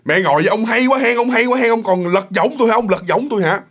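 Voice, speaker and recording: An exasperated middle-aged wife nags her drunk husband in a shrill, raised voice, as a man puts her on. She speaks with a Southern Vietnamese accent and keeps repeating herself as she scolds. The story is told aloud by a narrator. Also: fast talker, fairly bright tone.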